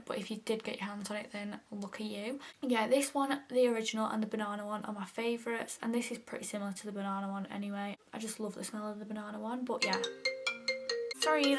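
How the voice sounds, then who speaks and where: Chatty young woman, half-whispering. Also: a little high. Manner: chatty, many "like" fillers, often half-whispered. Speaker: makeup vlogger. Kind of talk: casual makeup tutorial chat.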